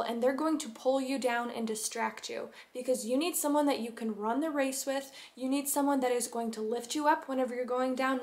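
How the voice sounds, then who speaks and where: Young woman vlogger, earnest and preachy, a bit high-pitched, casual advice talk. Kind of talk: casual faith-based advice vlog.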